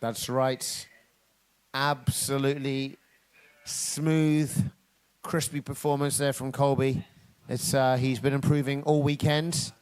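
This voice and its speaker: A man giving energetic, joking play-by-play commentary at a live drift event. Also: medium pitch, slow, clean tone.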